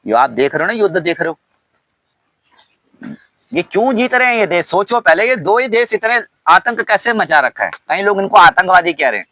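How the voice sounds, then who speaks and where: A man's voice: sits high, sing-song, normal speed, bright, forceful tone, no room sound, low-quality recording. Man, pastor, sermon, call-and-response questions, dry close sound. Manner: preaching with frequent hallelujahs and call-and-response questions.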